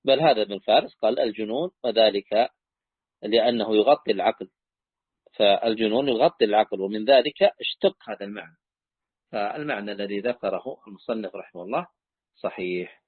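A man, a sheikh teaching a lesson, giving calm explanatory corrections on a text. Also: fairly low pitch, fairly quick, slightly rough, dry recording. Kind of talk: scholarly lesson commentary. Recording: tinny phone-like recording, dry.

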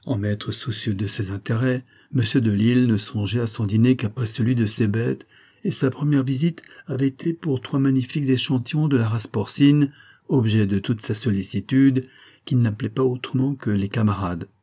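A man narrating a classic novel as an audiobook in a steady, measured reading. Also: mid-range voice, breathy edge.

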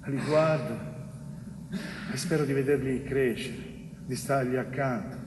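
A male actor with a medium-pitched voice, lightly acted, plays a wrongly convicted Sicilian bricklayer in a theatrical monologue. Tormented yet tender, wistful and uneasy, he pleads haltingly with repetitions and dramatic pauses. The recording sounds like an echoey hall with a distant mic and faint noise.

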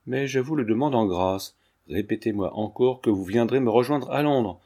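A man's voice: mid-range voice, normal speed, mellow, natural voice. A man reading the lines of an anxious young woman in an audiobook, asking worried questions. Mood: pleading. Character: anxious young lady of the house.

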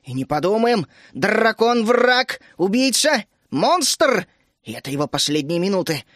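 A man's voice: a little high, lively intonation, quick pace, no room sound, studio quality. A man reading an audiobook and voicing a ruthless, fierce woman, a warrior queen, with clipped, harsh lines that drop to a hissing menace. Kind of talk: audiobook character voice.

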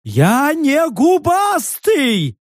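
A man doing a shrill, yelping furry beast-man. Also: huge pitch swings, very slow, dry recording, studio quality, heavily acted. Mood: indignant. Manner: high yelping, defensive shouting. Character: jittery furry male beast-man, loud and touchy.

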